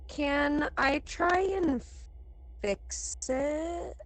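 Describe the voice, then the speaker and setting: A woman playing a tabletop game, chatting casually and excitably, with casual swearing. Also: high-pitched, very slow. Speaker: player.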